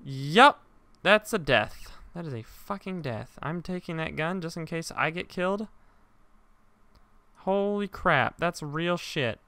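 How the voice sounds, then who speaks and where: Bright, jokey young man playing a game. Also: on the high side, smooth, dry recording. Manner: jokey, profane, quick to shout. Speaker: gaming YouTuber. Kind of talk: let's play commentary.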